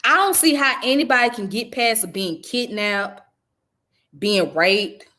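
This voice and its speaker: A woman's voice: fairly high pitch, unhurried, pushed and bright. A woman who grew up in the American South, giving blunt, profane, conversational commentary on her own channel. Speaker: channel host. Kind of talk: casual commentary vlog.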